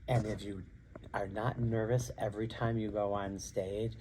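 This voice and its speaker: A man's voice: lowish voice, little pitch movement, moderate pace, a little mellow, slight background noise. A middle-aged man who works as a drag queen and show host, answering interview questions earnestly and repeating phrases for emphasis.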